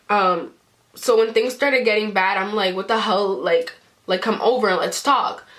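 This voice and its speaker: A woman's voice: mid-range voice, fairly bright tone. A young woman vlogger with a congested, stuffed-up voice, telling a story in casual chat full of ums and likes. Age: young adult. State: congested from a cold.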